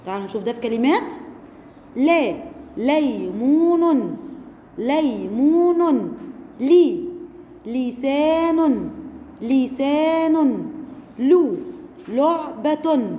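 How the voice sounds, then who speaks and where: A high-pitched woman teacher with an Egyptian accent walks young pupils through a lesson. She draws out each example word slowly and clearly. The recording is roomy, with a faint hiss behind her. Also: a little mellow. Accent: Egyptian Arabic. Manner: slow, stretched-out pronunciation of example words. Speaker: primary school teacher. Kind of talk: recorded online lesson for first graders.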